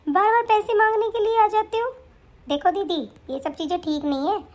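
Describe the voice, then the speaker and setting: A woman's voice: extremely high pitch, fairly even intonation, moderate pace. A woman voicing a scornful, stingy young wife. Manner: scolding, sharp and taunting. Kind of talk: animated story voice acting.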